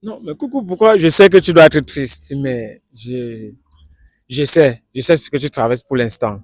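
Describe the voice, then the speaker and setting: A man conducting a street interview who talks in a halting, hesitant way, often restarting his sentences. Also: mid-range voice. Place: outdoors on the street.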